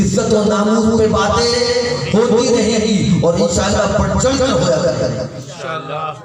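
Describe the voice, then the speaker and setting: A man preaching an impassioned sermon, rising to shouts and sing-song cadences. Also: high-pitched. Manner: fervent, swings between shouted peaks and sing-song cadences. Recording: echoey distant hall recording with background noise.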